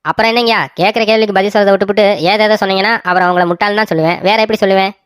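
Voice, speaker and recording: A smug, know-it-all village man from a cartoon story sneers and taunts, rattling off his words at a quick clip, as a woman acts him out. The voice sits close and dry, with no room around it. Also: medium pitch, level tone, smooth, dry recording, close to an everyday voice. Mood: scornful. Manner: taunting, fast and scornful.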